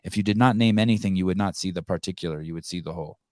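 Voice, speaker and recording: Racing along in a deep voice, a man hosts a casual podcast from home in California, rambling, restarting frequently, and using blunt profanity. Armenian is his first language, and the recording is dry and of studio quality.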